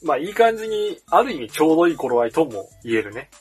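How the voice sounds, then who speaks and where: A man's voice: fairly high pitch, very animated, quick pace, slightly rough. A man hosting a casual podcast chat over a video call, laughing often and teasing the others. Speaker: podcast host. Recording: video call with music behind.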